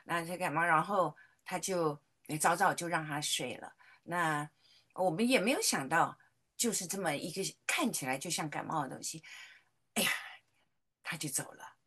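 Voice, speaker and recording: A middle-aged woman, a grieving mother, tells a personal faith testimony in a soft, emotional way, slowing and dropping almost to a whisper at painful moments. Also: low-pitched, breathy edge. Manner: soft, emotional, slows and drops to near-whisper at painful points.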